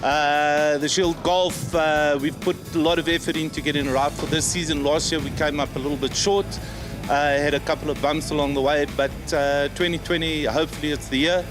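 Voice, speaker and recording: A male racing driver gives a casual interview answer in a slightly high voice. Music plays clearly behind him. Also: flat delivery, fairly quick. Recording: music under the voice.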